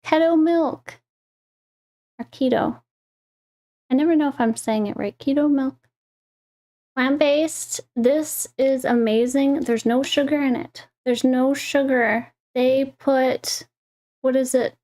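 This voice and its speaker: Slow, high-voiced young woman on a livestream. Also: steady tone, a little mellow. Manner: slow, meandering, restarts mid-phrase; enthusiastic about products she shows. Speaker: lifestyle host. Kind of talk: casual livestream talk.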